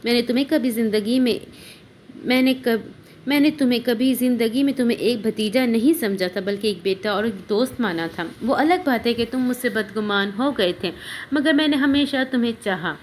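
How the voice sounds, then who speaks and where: A woman voicing a middle-aged uncle and father who talks in a reassuring, gently teasing way. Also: on the high side, normal speed, slight background noise, natural voice.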